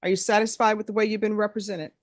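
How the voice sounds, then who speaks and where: Woman judge doing formal courtroom questions, brisk and official, really dry close sound. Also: medium pitch, flat delivery, dry recording. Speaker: judge presiding over a plea hearing. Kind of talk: formal courtroom questioning, scripted legal recitation.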